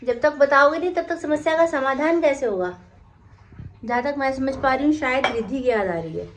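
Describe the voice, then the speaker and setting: A woman's voice: high-pitched, brisk, a little hiss or hum. A woman narrating her daily vlog in a chatty, teasing way, asking lots of questions. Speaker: vlogger. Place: at home and out running errands.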